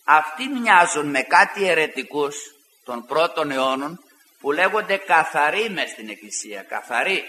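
A man preaching a fiery sermon, rising to shouts and retelling arguments with mocking asides. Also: on the high side, animated. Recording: echoey hall with long reverb.

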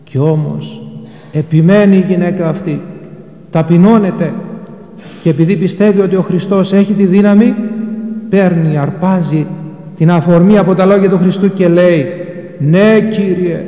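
A man gives a sermon in a mellow, fairly high voice. He quotes scripture and then explains it in everyday words. The sound is roomy, with a long church reverb. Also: steady tone, long pauses. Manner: retells Gospel passages, quoting scripture in old Greek and explaining it. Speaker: preacher.

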